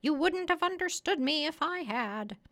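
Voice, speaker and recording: A woman voicing a proud, bossy, clever female parrot in a high, squawky voice for a children's story. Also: expressive, moderate pace, fairly bright tone. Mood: tart. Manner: emphatic, instructive, sure of herself.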